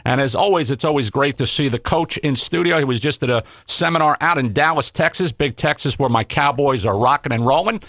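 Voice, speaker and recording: A man's voice: mid-range voice, fairly quick, hardly any pauses, a bit bright, no room sound. A male radio co-host with a mid-range voice, recorded dry and close. He delivers promotional patter in a polished, salesy way.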